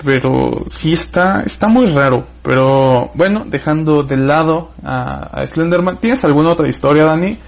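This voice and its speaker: A man's voice: on the high side, moderate pace, gravelly, few pauses. A man with a Mexican accent hosting a casual chat, rambling as he retells a creepy story in detail.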